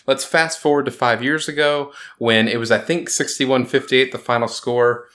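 A man hosting a casual sports chat, joking, sarcastic and quick to laugh as he runs through scores. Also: medium pitch, steady tone, a bit bright. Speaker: podcast host.

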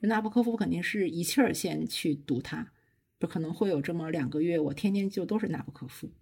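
A middle-aged woman professor, a podcast guest, explaining her habits in a measured, step-by-step way. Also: lowish voice, gravelly, dark tone, husky. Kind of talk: casual chat.

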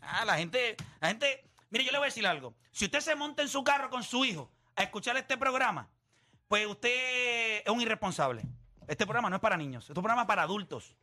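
A man's voice: very high-pitched, expressive, fairly quick, pushed and bright. A man hosting a casual radio talk show, bluntly scolding a caller.

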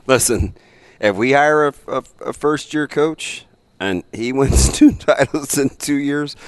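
A man's voice: on the low side, clear, resonant tone, no echo. A man in his late forties co-hosting a sports talk show, joking around and laughing often. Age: 40s. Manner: animated, jokey, laughs often. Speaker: sports radio co-host. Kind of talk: casual sports talk banter.

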